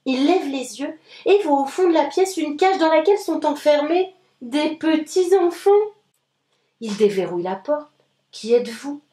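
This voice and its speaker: High-voiced woman reading children's stories. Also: normal speed. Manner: gentle, expressive read-aloud. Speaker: storyteller. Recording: roomy echo.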